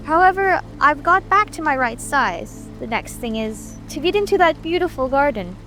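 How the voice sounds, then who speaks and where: A woman's voice: sits high, expressive, normal speed, sharp tone, faint music behind. A woman playing a curious, polite, easily puzzled young girl in a storybook dramatic reading. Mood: musing, puzzled.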